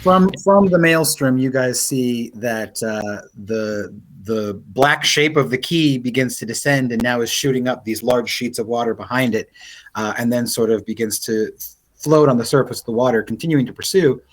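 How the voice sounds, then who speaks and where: Man, game master, middle pitch, improvised fantasy narration, halting, thoughtful pauses. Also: slight background noise, rough recording.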